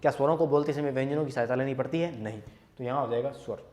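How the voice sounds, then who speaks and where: A young man teaching a grammar class in a level, mid-pitched voice. He asks a question, repeats it, then answers it himself, going back over the key terms as he works through a quiz. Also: racing, a little mellow. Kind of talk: Hindi grammar lesson, solving quiz questions.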